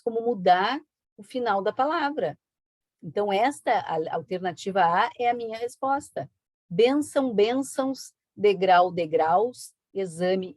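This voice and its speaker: A woman teaching an online exam-prep lesson, brisk and coaxing, with frequent tag questions. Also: mid-range voice, a little mellow, no room sound. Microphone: video call.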